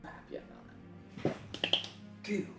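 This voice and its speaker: A man's voice: takes it slowly, faint music behind. A young man rambling through casual let's-play commentary, swearing when frustrated, his voice getting worn from talking. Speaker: gaming video host.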